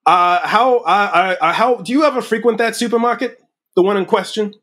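A man's voice: sits high, fairly bright tone. A man playing a bumbling detective in an improvised comedy interrogation, stumbling and restarting his questions. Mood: deadpan. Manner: halting, stumbling over questions. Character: bumbling male detective with a self-declared accent.

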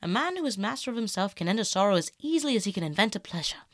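Female reader plays a vain young aristocrat: airy, callous, highly animated, theatrical, recorded dry. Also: very fast, no echo, lightly acted. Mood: haughty. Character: vain, callous young aristocratic man, dramatic and self-absorbed. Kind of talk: audiobook character acting.

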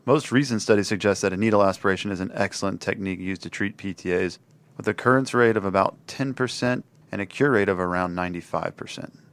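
Deep-voiced man teaching emergency medicine. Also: fast talker, a bit bright. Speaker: podcast co-host, emergency medicine doctor. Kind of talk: scripted medical teaching podcast.

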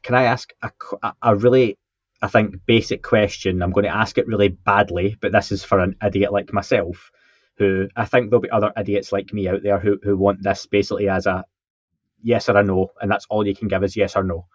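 A man's voice: lowish voice, little pitch movement, brisk, no echo. A man co-hosting a podcast in casual chat, joking and self-deprecating while he reads out listener comments. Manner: joking, self-deprecating, repeats words when starting. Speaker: podcast co-host. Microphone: podcast microphone with a faulty setup. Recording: dull, muffled mic sound.

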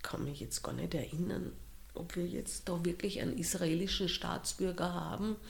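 A woman with an Austrian accent, answering interview questions in a slow, thoughtful way with pauses and restarts. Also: fairly low pitch, gravelly. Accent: Austrian German.

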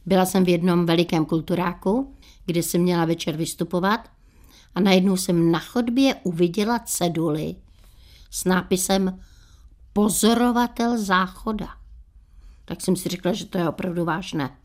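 An older woman in her sixties reads humorous anecdotes on air as a radio host. Her voice sits a little low, and she delivers each story in a dry, unhurried manner. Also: fairly even intonation, darkish tone.

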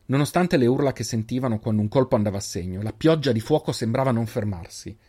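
A man narrating a fantasy story in a measured, even reading. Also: mid-range voice. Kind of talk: audiobook narration.

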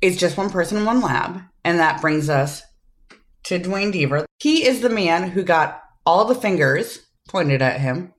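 A woman's voice: fairly low pitch, lively intonation, a little slow. A woman hosting a podcast, explaining a case in casual chat and swearing casually. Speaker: podcast host.

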